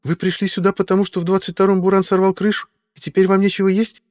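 A man reading a storybook voices a young woman, nervous and suspicious, with high questioning speech. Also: flat delivery, quick pace, a little mellow, big-room sound, lightly acted.

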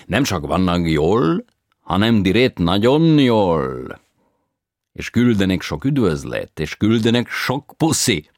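A man voicing an expatriate male opera tenor who speaks in halting, broken grammar, slowly and emphatically, in an audiobook reading. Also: fairly low pitch, sing-song, darkish tone, no echo, studio quality, voice pushed up. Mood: earnest, eager.

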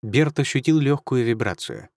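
A man narrating an audiobook in a steady, measured reading. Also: mid-range voice, no room sound, studio quality. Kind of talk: scripted narration.

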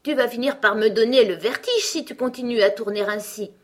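A woman voicing a cranky old female sheep who knits, with a shrill, snappish voice. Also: brisk, lightly acted.

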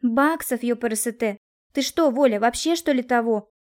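A woman's voice: fairly high pitch, brisk, darkish tone, natural voice. A woman reading the part of a pushy, scheming woman who scolds and pleads by turns. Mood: insistent. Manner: demanding, scolding, then wheedling. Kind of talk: audiobook character reading.

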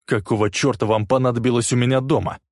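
A man voicing an angry, defiant male suspect who talks in a gruff, barking way. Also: medium pitch, takes it slowly, no room sound, studio quality, pitched above the performer's own voice.

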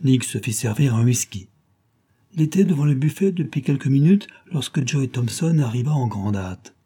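A man reading a detective novel aloud as steady scripted narration. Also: mid-range voice, normal speed, slightly rough. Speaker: audiobook reader.

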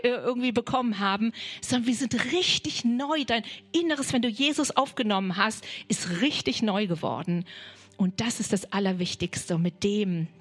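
A woman's voice: fairly high pitch, a bit bright, slightly rough. A woman preaching a charismatic sermon, fervent and peppered with hallelujahs, dropping some words to a whisper.

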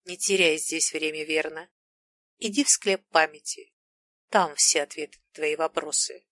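Wise kindly sun spirit as a woman reads her, soft, unhurried, dry close sound, audiobook. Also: low voice, fairly even intonation, dry recording, pitched below the performer's own voice. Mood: gentle. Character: gentle ancient female sun spirit, wise, teasing.

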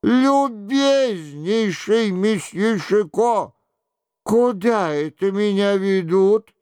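A man doing a fat fearful monk, high and pleading. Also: expressive, very slow, a little mellow, clean tone, dry recording, studio quality, exaggerated voice. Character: plump frightened male monk, pleading.

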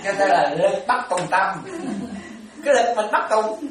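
A woman's voice: mid-range voice, expressive, measured pace, a crowd in the background. A woman giving a Buddhist dharma talk, repeating phrases and often asking whether her listeners follow. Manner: repetitive, keeps checking whether listeners follow. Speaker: Buddhist teacher. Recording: echoey room, distant mic, faint ambience.

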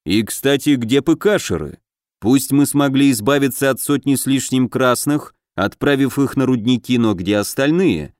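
A man's voice: mid-range voice, moderate pace, darkish tone, no echo, close to an everyday voice. A wry, skeptical warrior in an audiobook fantasy, close to the reader's own voice, as a man puts him on. Dry, close reading.

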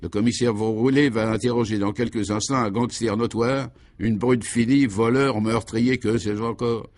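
A man voicing a fussy, self-satisfied police prefect in a vintage radio play, speaking in a brisk, overly polite manner. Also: mid-range voice, fairly even intonation, darkish tone, natural voice. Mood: obliging.

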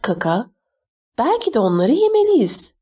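A woman's voice: a little high, sing-song, unhurried, mellow, breathy edge, voice pushed up, full character voice. A woman voicing a timid, nervous male teacher who answers hesitantly and meekly.

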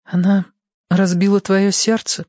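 A man reading a novel aloud, voicing a quiet, melancholy Danish woman who speaks softly and flatly. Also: medium pitch, unhurried, no room sound, dull audio, voice pushed up, lightly acted. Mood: wry. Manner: flat, toneless; softly whispered. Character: quiet, sad Danish woman in her prime.

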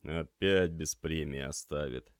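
A man's voice: rumbling low, measured pace, clear, resonant tone, no echo, clean studio sound. A man voicing a tired, grumpy young male paramedic trainee who talks in a weary, grumbling way.

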